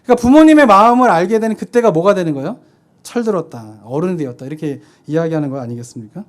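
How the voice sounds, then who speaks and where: Chatty pastor asking and answering himself. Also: male voice, high voice, expressive, quick pace. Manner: conversational, asks rhetorical questions and answers himself. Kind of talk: sermon. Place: church sanctuary.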